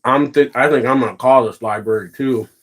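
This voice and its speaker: A man's voice: mid-range voice, fairly quick. A man hosting a casual livestream, chatting with viewers and ranting with heavy profanity. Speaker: livestream host.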